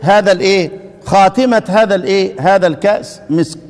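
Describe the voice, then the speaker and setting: A man with an Egyptian accent teaching Quranic readings, quizzing his listeners and stretching out syllables slowly as he repeats them. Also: high-pitched, darkish tone. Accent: Egyptian Arabic. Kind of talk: classroom lesson on Quranic readings. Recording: hall reverb.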